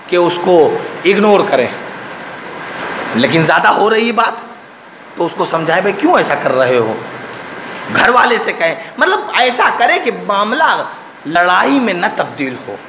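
A man with an Indian Urdu accent delivering a Muharram majlis sermon in a mosque, asking rhetorical questions and moving between soft passages and shouted peaks. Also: sits high, a little hiss or hum. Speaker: Shia preacher. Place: mosque hall. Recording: echoey hall with long reverb.

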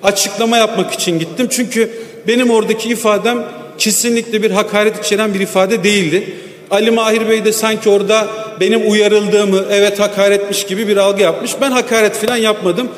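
A man's voice: sits high, fairly even intonation, a little fast. A man speaking into a lectern microphone at the rostrum of a large parliamentary chamber, defensively rebutting accusations point by point. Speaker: member of parliament. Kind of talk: parliamentary floor speech. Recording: echoey large hall with long reverb.

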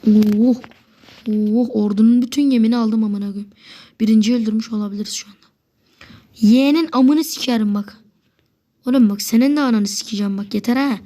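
This woman's voice is fairly high and brisk, broken up by long pauses, as she commentates live on a game. A gamer prone to excitement, she swears a lot at her opponents, talks to them, and sometimes drops into a whisper.

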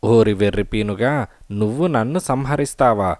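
Storybook demon, male, arrogant and cruel, booming taunts, read by a man. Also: normal speed, no room sound, clean studio sound, close to an everyday voice. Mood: taunting. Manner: loud, shouting taunts.

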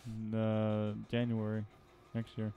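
A man's voice: on the low side, completely flat delivery, slow pace, mellow. A man in his early twenties doing casual movie commentary, swearing a lot and rambling, stammering at times. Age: 20s.

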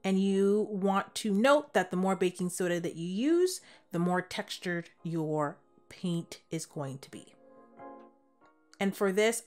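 A young woman talks through a home decor craft project step by step, in a relaxed, friendly voice-over. Her voice sits a little low for a woman. Soft music plays faintly under her. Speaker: DIY home decor creator.

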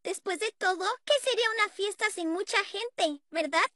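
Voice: very high voice, moderate pace, background noise. A performer voicing a bubbly, party-loving girl puppet in a fan dub, talking eagerly and chirpily.

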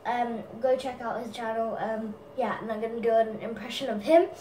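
A woman's voice: fairly high pitch, normal speed, dark tone, distant mic, a little hiss or hum. A woman answering fan questions in a casual vlog, giggly and apologetic, with lots of ums. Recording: echoey room, from off mic.

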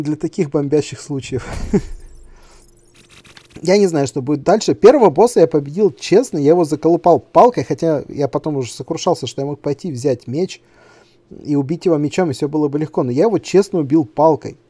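A chatty young man commenting on his own game, slightly high in pitch but with a mellow, darker tone. He rants and jokes at his own expense, and the sound is dry and close. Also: dry recording. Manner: chatty, self-mocking, frustrated rants about the game. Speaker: gaming video host. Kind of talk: casual let's play commentary.

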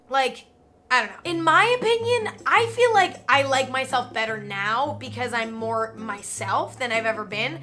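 A young adult woman from Northern California vlogs from a hotel room, chatting casually and self-mockingly to the camera and using "like" a lot. Her high-sitting voice is bright and forceful with lively intonation, paced in a measured way over soft background music.

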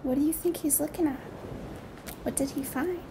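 Speaking at a normal pace in a high-pitched voice, a young woman describes a picture book's illustrations and poses simple, curious questions as though to little kids. She's indoors in a small room at home, and the recording has noticeable background noise.

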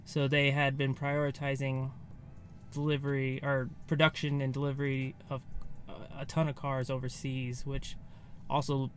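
A vlogger, an American man in his thirties, talks to camera from inside a car at normal speed in a monotone, mid-range voice. His off-the-cuff recap is loosely worded, like he's thinking out loud, and there's faint background noise.

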